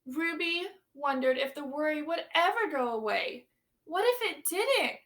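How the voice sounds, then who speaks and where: Reading a children's picture book at an unhurried pace, this young teacher brings the story to life expressively and stops now and then with questions for the kids. Her voice is high-pitched, clear, and bright.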